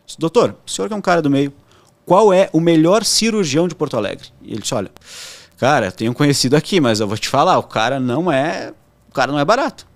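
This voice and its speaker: A man's voice: a little high, fast. A young man with a southern Brazilian accent, a podcast guest telling a story casually and acting out the voices of the people in it. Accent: southern Brazilian, Rio Grande do Sul. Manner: animated storyteller acting out quoted dialogue.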